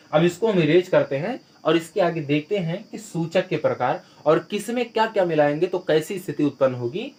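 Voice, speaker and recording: A man's voice: a little high, darkish tone. A man teaching a school science lesson, explaining with everyday examples and asking questions before he answers them. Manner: explains with everyday examples and rhetorical questions, clears throat now and then.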